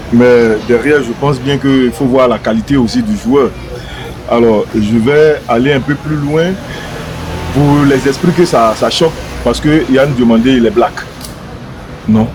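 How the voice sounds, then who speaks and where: A man, a football coach giving a measured, reasoned opinion in a debate. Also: medium pitch, darkish tone, slight background noise. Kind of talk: debate commentary.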